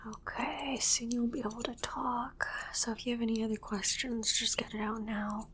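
At a normal speed and fairly high pitch, the woman whispers her ASMR alien medical examiner role, gently repeating short reassurances. A little hiss or hum is audible.

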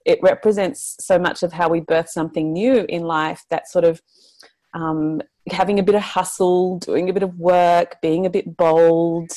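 Lower-voiced woman host, dry sound. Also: fairly even intonation, moderate pace, no echo. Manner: warmly encouraging, gushing with praise. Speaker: podcast host and birth educator. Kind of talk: casual interview chat.

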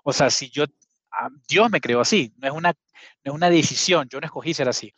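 A man's voice: fairly high pitch, brisk, fairly bright tone, no echo. A man, a guest telling his story earnestly and often restarting his sentences. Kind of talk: conversational storytelling. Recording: dull, dry sound.

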